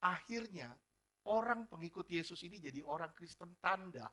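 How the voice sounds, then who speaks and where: Male pastor preaching, high bright voice, keeps asking the crowd questions, slangy and energetic. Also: moderate pace. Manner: energetic, asks the congregation rhetorical questions; mixes formal preaching with casual slang. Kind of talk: sermon.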